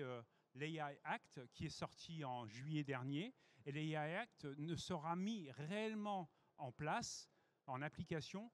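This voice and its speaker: A man with a somewhat raised pitch gives a conference presentation. He explains things steadily and stops often to hesitate between phrases. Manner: measured explanatory delivery with frequent hesitations. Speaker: head of innovation strategy presenting.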